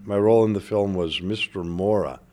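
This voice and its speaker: A man from northern Minnesota with a Minnesota accent, a former theater director and actor, telling relaxed, amused anecdotes in an interview. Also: on the low side, normal speed, a little hiss or hum. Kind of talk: interview storytelling.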